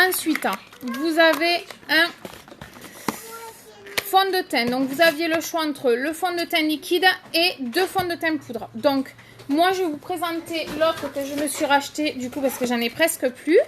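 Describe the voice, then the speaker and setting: A high-voiced woman chats through a casual live stream, greeting viewers by name as she shows off makeup. Her talk is loose and full of fillers. A faint hiss sits behind her voice.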